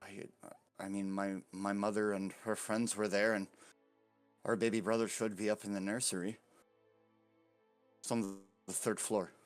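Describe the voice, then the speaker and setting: A man's voice: on the low side, flat delivery, faint music behind, lightly acted. A man voicing a frightened young girl who stammers and repeats herself nervously. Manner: stammering, halting, nervous repetitions.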